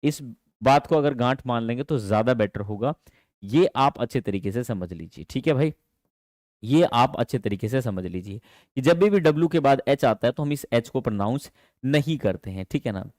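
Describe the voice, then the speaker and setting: A man teaching an online English class in Hindi, animated and affectionate, calling his students dear children. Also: mid-range voice, normal speed, dry recording, studio quality. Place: teaching from home.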